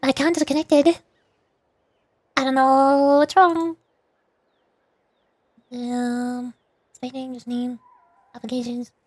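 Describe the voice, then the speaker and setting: Taking it slowly and pausing often, a VTuber with a high voice and flat delivery livestreams a game. She chats playfully, mutters to herself, and reads game dialogue aloud, with no room sound in the recording.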